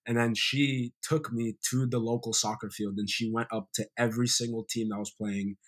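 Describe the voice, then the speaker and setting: This guest, once a college soccer player, is a young man from Sierra Leone who sounds American and tells relaxed stories packed with fillers during a casual interview by video call. His voice is mid-range and his speed normal. He's in a bright indoor room.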